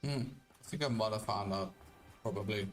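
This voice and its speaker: A man's voice: lowish voice, normal speed, faint music behind. A man chatting casually while live-streaming a game and thanking viewers. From South Africa.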